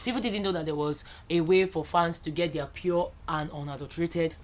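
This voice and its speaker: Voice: medium pitch, brisk. A pundit in a casual football discussion, rambling and restarting sentences. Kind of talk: casual sports chat.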